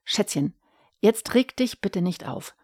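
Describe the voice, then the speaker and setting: A sly, sheepish middle-aged husband, voiced by a woman narrator, talking in a hasty, coaxing way. The delivery sits a touch higher and louder than her plain narration. The recording is close and dry. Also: lively intonation, takes it slowly, slightly rough, no room sound, full character voice. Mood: wheedling.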